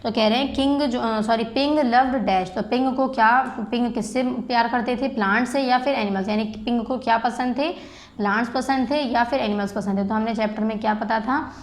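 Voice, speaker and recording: Speaking slowly in Hindi, a school teacher walks through a class exercise and spells English words one letter at a time. She has an Indian English accent and a fairly high voice with a steady tone.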